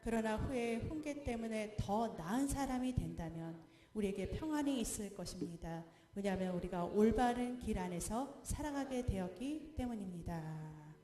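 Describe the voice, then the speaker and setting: A woman missionary preaching a sermon, lively, asking the congregation questions and acting out quoted pleas. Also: mid-range voice, moderate pace, echoey room. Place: church.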